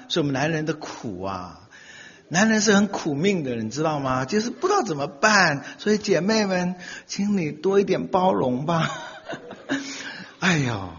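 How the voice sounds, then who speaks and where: Middle-aged male speaker for a comic talk, animated and lively, forceful bright tone, roomy hall reverb. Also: on the high side, husky. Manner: animated storytelling, acts out quoted voices and laughs often. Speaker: speaker giving a talk on marriage. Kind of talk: humorous talk to an audience. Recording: dull lo-fi sound with long hall reverb.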